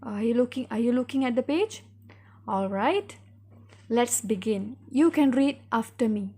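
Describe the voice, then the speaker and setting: High-voiced woman teacher reading aloud. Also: a little slow, mellow. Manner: clear, careful read-aloud, guiding pupils step by step. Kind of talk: recorded reading lesson for pupils.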